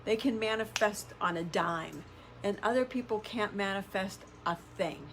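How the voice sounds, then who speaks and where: A woman's voice: medium pitch, moderate pace, soft background music. A middle-aged woman giving a conversational motivational talk in the manner of a self-help influencer, emphatic, repeating phrases and posing rhetorical questions. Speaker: self-help podcast host and coach.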